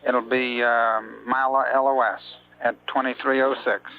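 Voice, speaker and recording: A man's voice: mid-range voice, level tone, normal speed. A man speaking as a mission control communicator in terse, procedural radio phrases over a two-way radio. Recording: muffled, hissy space mission radio.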